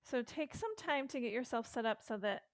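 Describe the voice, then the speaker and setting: A middle-aged woman guiding a yoga session with calm, gentle instructions and casual fillers, recorded indoors on a close mic. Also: fairly high pitch, a little fast, no room sound.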